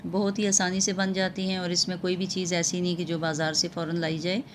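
A woman talks through a cooking lesson at home in a low, even voice. She explains patiently and fills her pauses with little hesitation sounds. A faint hiss sits behind her. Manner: calm, explanatory, with frequent filler sounds. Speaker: cooking channel host. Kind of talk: home cooking tutorial voice-over.

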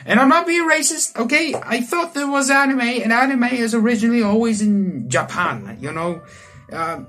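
His voice is very high-pitched, animated, pushed and bright as this young South African let's player reads a visual novel at a moderate pace, with rambling, jokey commentary. He's in a small indoor room with soft music in the background.

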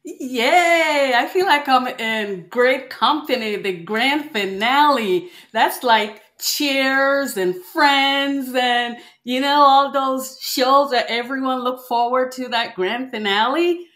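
A woman from Jamaica, a guest on a podcast, telling her story in a cheerful, unhurried way. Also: high voice, fairly bright tone. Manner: cheerful, unhurried, laughs easily. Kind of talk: conversational interview storytelling.

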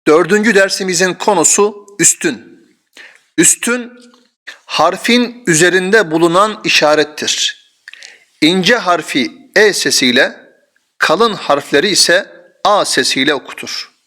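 Man, Quran reading teacher, fairly high bright voice, patient repetition. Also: unhurried. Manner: patient, repeats each syllable twice. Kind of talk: slow step-by-step recitation lesson.

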